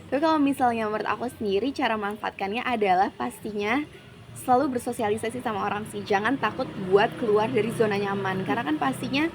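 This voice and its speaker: A woman's voice: on the high side, fast, background noise. A young woman from Jakarta, a university student, chatting casually as an interview guest and dropping English phrases into her speech. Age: young adult.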